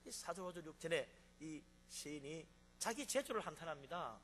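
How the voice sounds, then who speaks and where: A man's voice: on the high side, expressive, normal speed, fairly bright tone, a little hiss or hum. A male pastor preaching a sermon, emphatic, asking rhetorical questions and acting out quoted laments.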